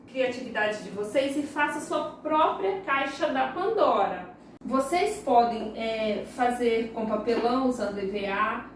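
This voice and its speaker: In a very echoey room, far from the microphone, a female primary school teacher with a Brazilian Portuguese accent gives a recorded lesson to young children. She patiently draws each word out syllable by syllable in a fairly high voice. There is slight background noise.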